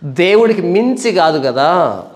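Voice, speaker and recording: Casting: male preacher with a high voice, fiery emphatic sermon delivery, echoey room. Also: big pitch swings, measured pace. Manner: emphatic, fiery, full of rhetorical questions.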